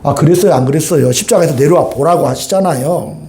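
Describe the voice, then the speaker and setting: Male pastor, high voice, animated sermon, rhetorical questions, echoey church hall. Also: fast, slight background noise. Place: church sanctuary.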